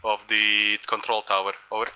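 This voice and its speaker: A man's voice: fairly low pitch, completely flat delivery, moderate pace, sharp tone, clear, resonant tone, rough recording. Man calling in over a game radio. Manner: formal and clipped, closes calls with "over". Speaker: player in a military sim game. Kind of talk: radio procedure call.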